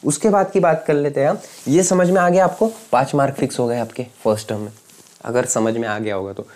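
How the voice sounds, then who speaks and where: A man's voice: mid-range voice, darkish tone. A young man teaching to a camera, explaining each idea with everyday examples and often stopping to ask whether his viewers follow. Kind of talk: explanatory lecture. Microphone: speaking to camera.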